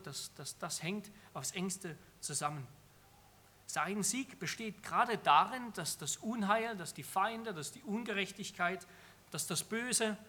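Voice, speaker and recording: A man's voice: high-pitched, pushed and bright, slight background noise. A man preaching an earnest sermon on a psalm, emphatic and often repeating phrases for stress.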